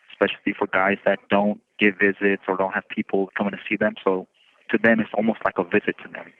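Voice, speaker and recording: Low-voiced man on a prison phone. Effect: heard over a prison phone line. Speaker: incarcerated student. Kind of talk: interview answers. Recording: tinny prison phone line.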